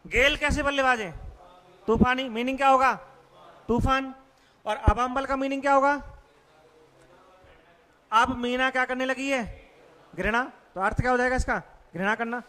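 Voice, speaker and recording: High, bright-voiced male teacher in a hall. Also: steady tone, moderate pace, long pauses. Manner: quizzes students with repeated questions. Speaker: English teacher. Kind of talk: classroom vocabulary lesson.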